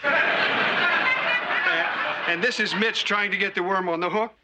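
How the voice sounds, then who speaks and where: A good-natured handyman who talks in a folksy, earnest way with a slightly raised pitch. The old sitcom soundtrack carries clear hiss behind him. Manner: folksy, earnest, slow-spoken. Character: genial, simple-hearted handyman uncle. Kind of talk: 1980s sitcom acting. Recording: noisy old TV sitcom audio.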